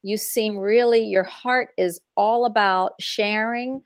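A woman's voice: medium pitch, steady tone, takes it slowly, no echo, clean studio sound. A woman hosting a live phone-in talk show, chatting casually in an effusive, affectionate way. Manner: effusive, uses endearments.

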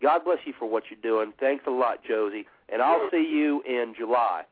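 A man hosting a call-in show in casual talk, halting and often repeating himself. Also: medium pitch, husky. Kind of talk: casual talk radio chat. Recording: muffled lo-fi internet radio audio.

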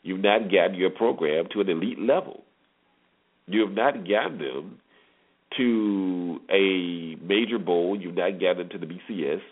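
Deep-voiced and measured, this solo sports talk host delivers conversational commentary, asking rhetorical questions and repeating points for emphasis. The sound is thin and tinny, like a phone line on internet radio.

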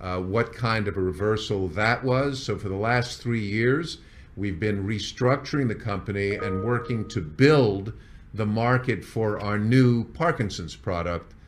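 With a fairly low-pitched voice, a man acting as chief executive and founder relates the company's past, telling it in a measured executive style aimed at his staff.

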